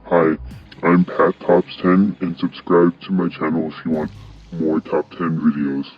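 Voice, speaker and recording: Man, very deep monotone, reads a countdown script; dull lo-fi sound with music under it. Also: unhurried, slightly rough. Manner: flat, plain reading with small stumbles. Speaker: countdown video host. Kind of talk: read countdown narration.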